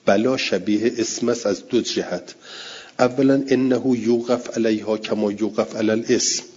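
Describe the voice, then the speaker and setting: A man's voice: fairly low pitch, fairly even intonation, a little mellow, husky. A man teaching a lesson on Quranic exegesis, reading Arabic text aloud and explaining it in casual colloquial speech. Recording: dull lo-fi recording.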